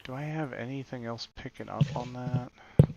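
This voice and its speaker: A man's voice: mid-range voice, normal speed, creaky, a little mellow, no echo. A man doing casual race commentary whose voice comes through muffled, as if he is talking through a tube. He rambles loosely with many fillers. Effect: muffled sound, as if talking through a tube. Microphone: webcam mic picked up by mistake. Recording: dull lo-fi webcam mic, tube-like.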